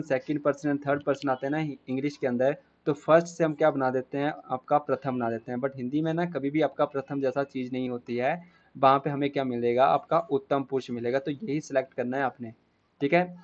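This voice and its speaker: A man's voice: mid-range voice, steady tone, brisk, lo-fi sound. A man teaching an exam-prep grammar lesson, explaining step by step and asking the class rhetorical questions before answering them himself.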